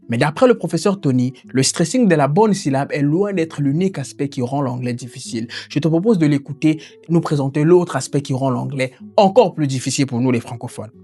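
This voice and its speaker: Brief: male language-channel host, informal and explanatory, pitched a little high. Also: darkish tone. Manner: explanatory, informal, speaks to the viewer as "tu". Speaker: English teacher and channel host. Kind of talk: educational video narration.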